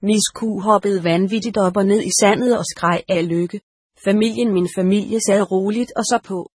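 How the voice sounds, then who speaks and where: Woman reading a storybook, calm, husky-ish, dead dry sound. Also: mid-range voice, no echo. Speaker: audiobook reader. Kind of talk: storybook narration read aloud.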